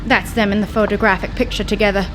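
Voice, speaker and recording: An actress voices a blunt, sarcastic young woman poking around her scientist father's lab, old-time radio drama style. She talks fast in a natural, medium-pitched voice with flat delivery, and music plays behind her.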